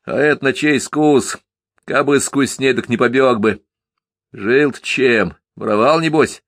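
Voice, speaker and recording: A man voicing a gruff peasant carter who grumbles, scolds and shouts in anger. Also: mid-range voice, a little slow, dry recording, clean studio sound, pitched above the performer's own voice, close to an everyday voice. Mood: grumbling. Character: gruff bearded peasant carter, suspicious and quick-tempered.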